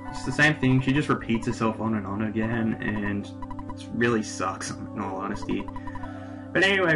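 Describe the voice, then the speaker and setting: A young Australian man recording casual, crude, joking commentary over a game, reading the characters' lines aloud. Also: mid-range voice. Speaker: let's play commentator.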